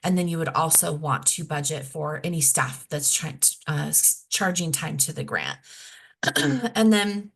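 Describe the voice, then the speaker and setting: A woman presenting a grant webinar over a video call, explaining deadlines and budgets plainly, losing her voice and clearing her throat. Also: low voice, expressive, a little slow, a bit bright. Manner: plain, explanatory, self-correcting. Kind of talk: technical assistance webinar.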